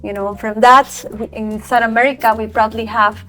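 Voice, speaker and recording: A woman from Ecuador, talking as an entrepreneur guest in an enthusiastic, animated way. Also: fairly high pitch, soft background music. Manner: enthusiastic, animated, quick bursts with restarts. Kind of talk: podcast interview.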